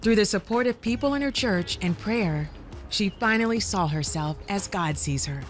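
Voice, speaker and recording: A woman narrating a scripted documentary in a measured, even storytelling manner. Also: mid-range voice. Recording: soft music underneath.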